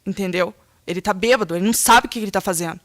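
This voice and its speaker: A woman's voice: mid-range voice, rapid-fire, a bit bright. A woman giving rambling courtroom testimony. She acts out the phone calls she recounts in a raised voice. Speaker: witness.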